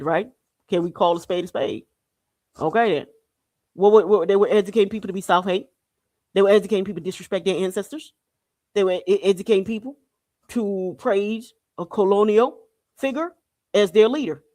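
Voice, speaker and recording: A woman from Haiti with a mid-range, darkish voice hosts a podcast. She offers an informal monologue on spirituality and politics, repeating herself emphatically and asking rhetorical questions, in a recording free of echo.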